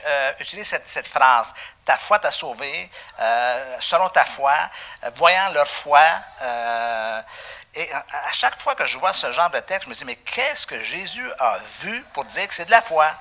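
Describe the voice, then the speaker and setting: A man with a Québécois French accent preaching a sermon as pastor, animated, with frequent fillers and restarts. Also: fairly high pitch. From Canada. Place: church.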